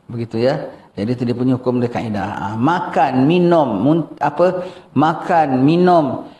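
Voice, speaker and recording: An older man with a Malaysian Malay accent giving a lively religious lecture, questioning his listeners. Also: mid-range voice, moderate pace. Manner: animated, questions the audience, acts out askers. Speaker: religious teacher. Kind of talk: mosque lecture on fasting rules. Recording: echoey room.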